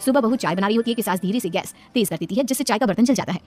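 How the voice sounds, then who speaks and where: A woman narrating a cartoon moral story in rapid storybook style. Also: medium pitch, animated, darkish tone, soft background music.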